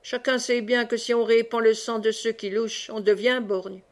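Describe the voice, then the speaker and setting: A woman's voice: on the high side, steady tone, normal speed, lightly acted. A woman reading a jovial brawling friar. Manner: merry, rambling, teasing. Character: jovial brawling old friar, boastful and chatty. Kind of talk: audiobook character reading.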